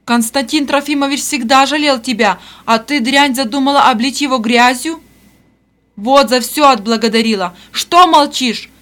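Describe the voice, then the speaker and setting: A woman reading an audiobook voices a domineering middle-aged mistress who shouts and scolds harshly. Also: sits high, brisk, pitched above the performer's own voice. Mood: shouting furiously.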